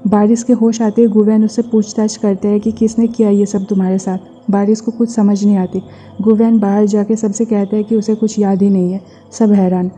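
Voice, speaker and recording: A woman narrating a brisk plot recap of a drama episode, reading the characters' quoted lines in a plain voice. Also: medium pitch, flat delivery, warm tone, soft background music. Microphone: voice-over. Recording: dull lo-fi voice-over.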